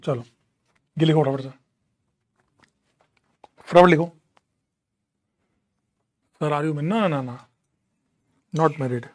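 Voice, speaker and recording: A man's voice: on the high side, extremely slow, pauses often, a little mellow. A young man teaching a live online class from a room at home, chatty and teasing as he answers students. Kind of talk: casual live class banter.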